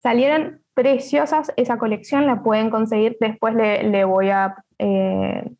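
Give me a rich take: a woman with a Rioplatense Argentine accent, hosting a book club over a video call. Her voice sits a little high, and she talks in a chatty, playful way, looping back with restarts and side remarks. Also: steady tone, measured pace, darkish tone. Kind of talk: casual online book club chat.

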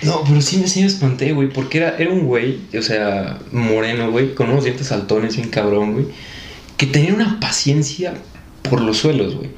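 A man's voice: medium pitch, lively intonation, brisk, a little hiss or hum. A young man with a Mexican accent telling a story in a casual podcast chat, full of swearing and laughter. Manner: swears a lot, laughs often. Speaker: podcast co-host. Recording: echoey room.

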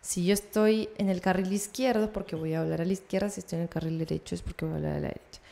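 A young woman with a Peruvian Spanish accent telling a road story in casual chat, animated and often laughing. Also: lowish voice, quick pace, vocal fry. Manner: animated, laughing, acts out voices in her anecdotes.

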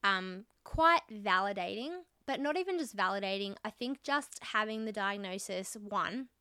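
A young woman hosts a casual podcast chat, open and talkative. Her voice is bright and forward. The sound is dry and close. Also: mid-range voice, lively intonation, normal speed, clear, resonant tone, no room sound. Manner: candid and chatty, with frequent fillers. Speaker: podcast host.

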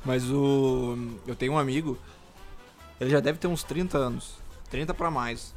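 A young man chats on a podcast in a laid-back, storytelling way. His voice sits at an ordinary middle pitch, and he laughs easily. Faint music plays behind him. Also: moderate pace. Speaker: podcast co-host. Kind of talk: casual chat.

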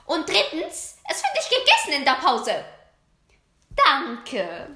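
A woman's voice: high voice, huge pitch swings, slow, sharp tone, heavily acted. A girl voicing a strict female teacher who scolds pupils in a bossy manner. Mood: scolding. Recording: roomy echo.

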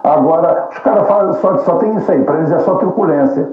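A man's voice: on the high side, fairly quick. A man giving a casual political monologue, ironic, combative and full of profanity. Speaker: political commentator. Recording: roomy, dull lo-fi, faint music.

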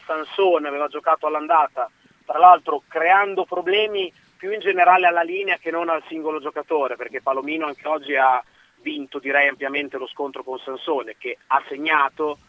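A man on a phone link giving earnest football analysis. His voice is high and comes through a dull, muffled line. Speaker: radio pundit on phone link. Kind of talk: casual phone-in sports chat.

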